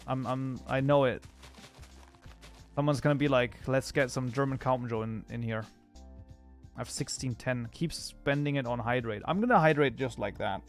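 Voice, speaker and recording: A man streaming his game modding live, chatting casually and reacting to chat in an excitable, rambling way. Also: fairly high pitch.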